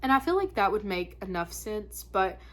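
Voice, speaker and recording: Very animated, a woman with a mid-range, slightly bright voice reads spooky listener stories at a moderate pace. She hosts a spooky story channel, keeping it informal and conversational with slangy asides, though she sounds a little stuffed up from congestion.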